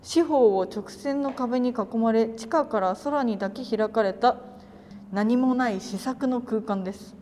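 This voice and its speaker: A woman radio host talks in an enclosed concrete courtyard, and her voice booms back with a long echo. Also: measured pace, slight background noise. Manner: excited, calling out to test the echo. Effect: strong echo of an enclosed concrete courtyard. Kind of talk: casual chat on a museum visit. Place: open-roofed concrete courtyard in a museum. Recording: echoey hall, faint ambience.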